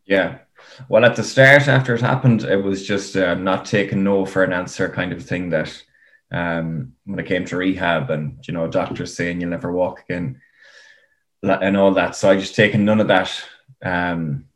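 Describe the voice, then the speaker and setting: A man's voice: deep voice, fairly even intonation, normal speed. A man with an Irish accent talking casually as a guest in an interview. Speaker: podcast guest, para rower. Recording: roomy, echoing sound.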